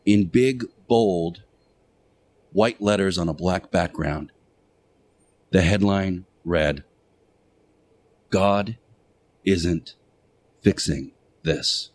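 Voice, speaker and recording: Playing Jesus in interactive radio theater, a radio show host with a fairly low, slightly mellow voice gives a preacher-style monologue. He speaks deliberately in short, emphatic phrases, pausing between them and repeating key words for weight.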